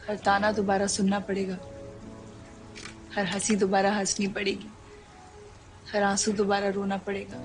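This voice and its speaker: A woman's voice: mid-range voice, lightly acted. An actress playing a young woman who pleads with her older partner, mixing Hindi and English in her speech. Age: young adult. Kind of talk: film dialogue.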